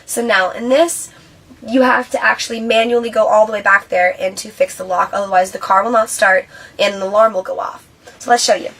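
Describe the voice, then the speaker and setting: A woman's voice: medium pitch, fairly even intonation, brisk, fairly bright tone. A woman presenting a safety training video, explaining and demonstrating to viewers in an instructional walkthrough style. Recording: distant mic, clearly noisy ambience.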